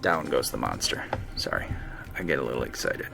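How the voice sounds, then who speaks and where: A man streaming a game live, excitably talking to his units and chatting with viewers. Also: a bass voice, brisk, creaky, music in the background. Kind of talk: live let's-play commentary.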